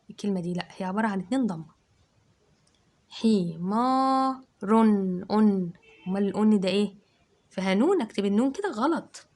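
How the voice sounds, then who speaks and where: With an Egyptian Arabic accent and a medium-pitched voice, a woman teacher leads children through dictation. She sounds out each word syllable by syllable, loud and drawn out.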